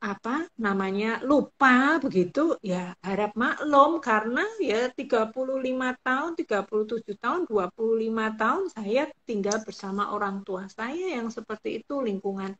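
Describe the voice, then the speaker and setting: A woman's voice: a little high, normal speed, few pauses, fairly bright tone. A woman giving patient, explanatory advice as a guest counselor in a live-stream talk. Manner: patient, explanatory, acts out example phrases. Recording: dull lo-fi live-stream audio.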